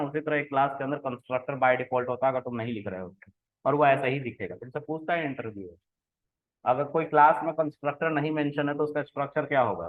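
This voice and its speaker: A man teaching programming in a relaxed way, explaining code step by step and often checking that the listener follows. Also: medium pitch. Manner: conversational, keeps checking in with the listener. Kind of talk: explaining code while typing. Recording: tinny phone-like sound.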